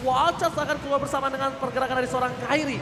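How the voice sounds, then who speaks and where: A man shoutcasting an esports match live, with an excitable fighting game announcer delivery. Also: extremely high pitch, very fast, background noise. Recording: echoey hall reverb, loud music behind.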